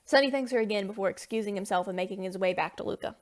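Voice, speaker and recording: A woman narrating a scripted story in a brisk storytelling style. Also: medium pitch.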